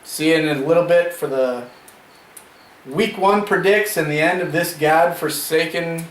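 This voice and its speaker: Young male co-host, teasing and sarcastic, fairly high voice, echoey room with faint noise. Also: moderate pace. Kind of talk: casual fantasy football chat.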